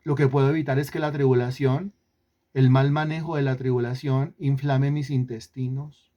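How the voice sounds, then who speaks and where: A man's voice: medium pitch, level tone, moderate pace, warm tone, lo-fi sound. A man preaching a sermon, who repeats phrases, asks the congregation rhetorical questions, drawls out key words for emphasis and drops in sarcastic asides. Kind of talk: sermon teaching.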